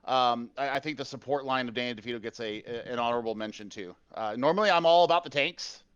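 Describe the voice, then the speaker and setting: Smooth-voiced esports caster man, dry dull mic. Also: medium pitch, fast talker, a bit bright, dry recording. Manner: emotional, enthusiastic, casual. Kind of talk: esports post-match commentary.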